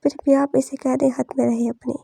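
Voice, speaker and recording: A woman voicing an angry, sharp-tongued young heroine who scolds and defies her elders in a storybook reading. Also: sits high, level tone, brisk, vocal fry, breathy edge, no echo, clean studio sound, full character voice. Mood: furious. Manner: scolding, defiant.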